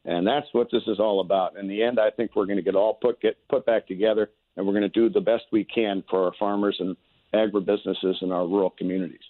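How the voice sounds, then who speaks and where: A man's voice: fairly low pitch, steady tone, fast talker, no echo. An American man giving political interview answers as a candidate over a phone line, in folksy stump-speech phrasing with hesitant repeats. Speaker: political candidate, radio guest. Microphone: telephone. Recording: narrow tinny phone line.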